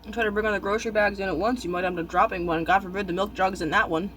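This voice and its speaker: A young man chatting casually while eating, talking with his mouth full in halting, musing short thoughts. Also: sits high, steady tone, a bit bright, slight background noise.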